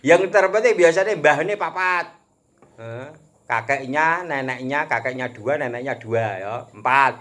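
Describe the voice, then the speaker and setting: A man with a Javanese accent giving a casual religious talk as a preacher, animated and joking, chuckling often. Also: mid-range voice. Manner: animated, chuckles often, mixes teaching with jokes.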